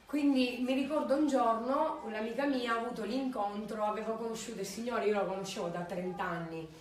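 A woman tells her faith testimony in an earnest voice of middle pitch and often acts out old conversations. She sounds a little far from the mic, in a roomy space with faint ambience behind her. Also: steady tone, fairly quick, a little hiss or hum. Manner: earnest, retells past dialogues. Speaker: believer giving a testimony.

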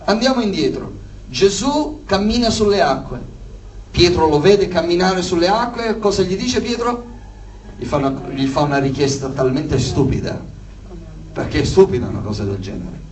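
Animated Italian-speaking male preacher, distant mic. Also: high voice, moderate pace. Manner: animated, acts out the voices of the figures he tells of. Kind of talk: sermon.

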